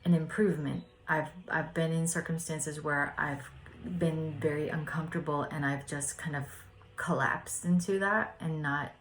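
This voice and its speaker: Soft-spoken low-voiced woman sharing reflections. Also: fairly even intonation, normal speed, rough recording. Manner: soft-spoken, hesitant, many fillers. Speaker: spiritual study vlogger.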